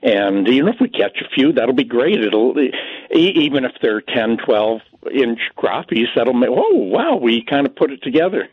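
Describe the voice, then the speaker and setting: Older man, husky voice, chatty fishing guest, muffled dry phone line. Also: mid-range voice, very animated, moderate pace, no echo. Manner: chatty, laughs easily, many fillers and restarts. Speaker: fishing editor and radio guest. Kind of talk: casual chat on a phone-in.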